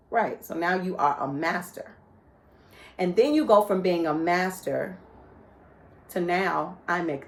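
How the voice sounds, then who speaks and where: A woman speaking in a slightly low voice, telling a lively inspirational story. She talks in a casual, conversational way, often checking in with her listeners and acting out the voices of the people she describes. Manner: conversational, asks "right?" often. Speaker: motivational speaker. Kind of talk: informal inspirational talk.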